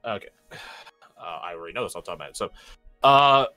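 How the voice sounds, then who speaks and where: A man's voice: deep voice, expressive, fast, bright, forceful tone, dry recording, soft background music. A young man in casual chat, telling a rambling story and running a tabletop game as game master, with lots of fillers and restarts.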